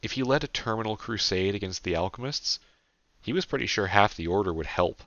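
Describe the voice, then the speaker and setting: Low, bright-voiced male author narrating. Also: expressive, brisk, no room sound, lo-fi sound. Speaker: author narrating his own novel. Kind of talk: audiobook narration.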